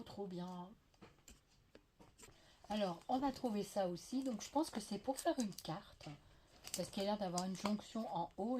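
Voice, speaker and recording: French woman, home haul vlogger, low-pitched, a little hoarse, chatty and enthusiastic, light background noise. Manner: chatty, gushing, many fillers. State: slight cough, veiled voice. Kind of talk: casual show-and-tell haul. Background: faint clatter of dishes.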